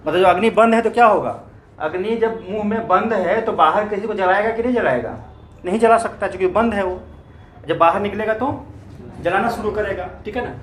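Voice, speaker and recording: Male teacher, high voice, classroom lecture, keeps checking the class follows, recorded from a distance. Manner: keeps checking understanding with quick questions; repeats key terms for emphasis. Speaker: history teacher. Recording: echoey room, mic at a distance, faint noise.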